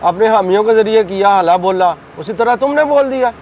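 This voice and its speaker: A man's voice: high-pitched, expressive, a little mellow, a little hiss or hum, low-quality recording. A middle-aged man from Pakistan giving heated political commentary, combative and accusing, hammering his points home with repeated phrases. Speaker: political commentator hosting his own channel.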